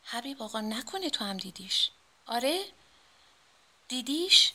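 Woman playing a pleading young male painter, high and bright. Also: sing-song, full character voice.

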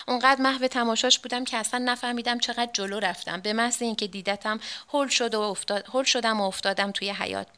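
A woman narrating a story in a measured, dramatic reading style. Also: mid-range voice, gravelly, pushed and bright.

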